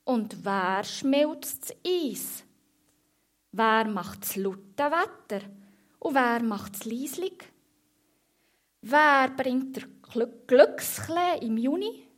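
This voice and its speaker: A woman voicing a calm, dreamy male field mouse poet who speaks gently and unhurriedly. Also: sits high, drawn-out words, exaggerated voice. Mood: reciting.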